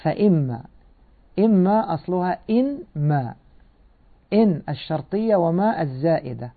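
A man's voice: a little high, lively intonation, normal speed. A man teaching Quran commentary and grammar, explaining step by step and asking and answering his own questions. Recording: tinny phone-like sound.

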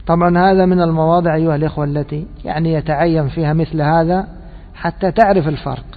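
A man with a fairly high voice gives a classroom lesson, asking his listeners questions and stretching out key words as he explains. The recording is thin and phone-like. His voice rings with a long reverb, as if he were in a large hall. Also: fairly even intonation. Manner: quizzing listeners with prompting questions; repeats and drawls key words slowly. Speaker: teacher of Quranic exegesis and grammar.

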